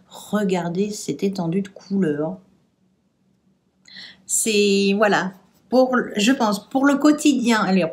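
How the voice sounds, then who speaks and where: A French woman chatting casually through a makeup tutorial, hesitant and trailing off with fillers as she works. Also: a little high. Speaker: beauty vlogger.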